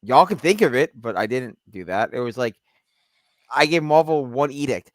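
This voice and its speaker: A man's voice: mid-range voice, lively intonation, normal speed, dry recording. A man talks loosely on a podcast, circling back with fillers and restarts. His voice sits mid-range and sounds dry and close to the mic. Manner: rambling, many fillers and restarts. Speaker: podcast co-host. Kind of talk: casual chat.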